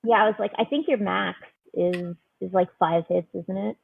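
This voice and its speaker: A woman's voice: medium pitch, fairly even intonation, moderate pace, gravelly, husky. A woman playing a tabletop game, chatting casually and helpfully checking rules for the others. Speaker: player. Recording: dry, dull lo-fi mic.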